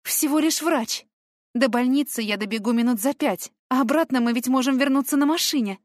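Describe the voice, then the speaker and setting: A woman's voice: high-pitched, fairly quick, no room sound, clean studio sound. A woman reading an audiobook in first person, with tense, emotional storytelling. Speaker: audiobook narrator.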